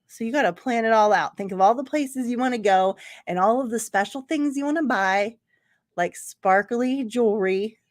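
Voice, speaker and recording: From a home room filled with computer screens, a female livestream host chats in a meandering way, greeting viewers by name, laughing frequently, and letting sentences trail off. She speaks at a normal pace in a slightly high voice, with studio-quality audio and no echo.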